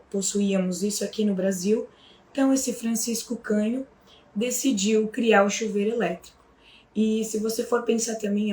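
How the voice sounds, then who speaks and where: A young Brazilian woman explains things to her students in a relaxed, chatty way, with a Brazilian Portuguese accent and plenty of little check-in questions. Her mid-pitched voice rings around a bare, echoey room. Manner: chatty, frequent tag questions and fillers. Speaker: Portuguese teacher. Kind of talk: casual explanatory lesson.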